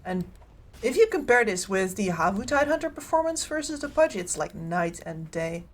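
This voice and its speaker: A woman's voice: medium pitch, very animated, moderate pace. A woman giving analytical live commentary on a video game match as a co-caster. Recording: faint game noise behind.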